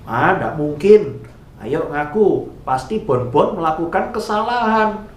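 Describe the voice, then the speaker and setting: A man's voice: on the high side, animated, takes it slowly. A man voicing a mother who questions and coaxes her son. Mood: questioning. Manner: questioning, coaxing. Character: scolding but caring mother. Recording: echoey room.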